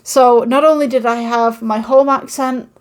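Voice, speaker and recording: Talking casually to camera as a channel host, a woman from the United Kingdom speaks podcast-style with a mixed, Manchester-tinged northern accent. Her fairly high voice holds fairly even intonation at a moderate pace, and she rambles encouragingly with lots of ums, captured on an old microphone via phone.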